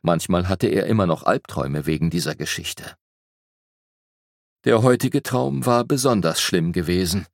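Male audiobook narrator, low voice, gravelly texture, dry close sound, lively storytelling. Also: moderate pace, dry recording. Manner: lively storytelling with shifting pitch for emphasis. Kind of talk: scripted narration of a children's fantasy book.

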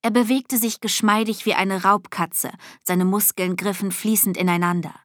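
A woman's voice: moderate pace, no room sound. Woman narrating a novel, close and dry. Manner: lively, with high, excited outbursts in dialogue. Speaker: audiobook narrator. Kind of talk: first-person novel reading.

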